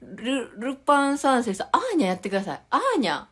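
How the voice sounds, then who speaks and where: A woman's voice: on the high side, wildly swooping pitch, quick pace, fairly bright tone, husky. A young woman with a Tokushima dialect, chatting casually on a live stream and reading viewer comments aloud with frequent giggles. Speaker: idol livestreamer.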